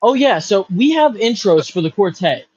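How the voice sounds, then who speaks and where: Young male streamer host, filler-heavy chat, muffled low-quality recording. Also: big pitch swings, normal speed, a little mellow, husky, dry recording. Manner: loose, filler-heavy, keeps track of time. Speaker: livestream host. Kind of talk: casual livestream chat. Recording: dull lo-fi stream audio.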